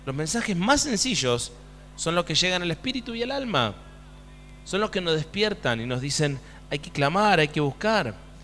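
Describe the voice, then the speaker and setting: Pastor, male, high lively voice, preaching in a reverberant church hall. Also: moderate pace, a little hiss or hum. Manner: animated preaching with rhetorical questions to the congregation. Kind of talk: sermon.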